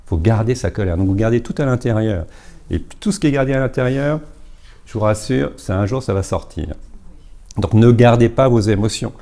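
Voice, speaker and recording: A man's voice: lowish voice, a little fast, warm tone. A man giving an informal business coaching talk, explaining step by step with many fillers and repeated words.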